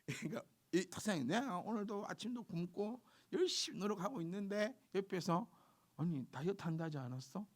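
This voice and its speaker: A man preaching a sermon, emphatic and exhorting, breaking into soft asides. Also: high-pitched, lively intonation, brisk. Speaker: pastor.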